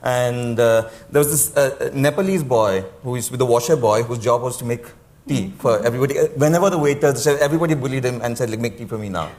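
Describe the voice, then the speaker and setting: A man's voice: mid-range voice, a little mellow. Stammering man telling a story. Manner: halting, stammering starts. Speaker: panelist. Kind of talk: anecdotal storytelling on a panel.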